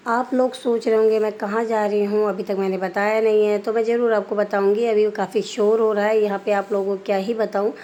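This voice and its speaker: A woman's voice: mid-range voice, level tone, brisk, hardly any pauses, dark tone, highs cut off. A young woman chatting casually to her viewers in a family home, explaining everything as she goes. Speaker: vlogger. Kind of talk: casual vlog narration.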